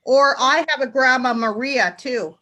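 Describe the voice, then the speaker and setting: A woman's voice: sits high, measured pace, bright, forceful tone. A woman in the audience at a mediumship reading, who passes the medium's questions on to her friend. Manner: repeats questions back to others. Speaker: audience member.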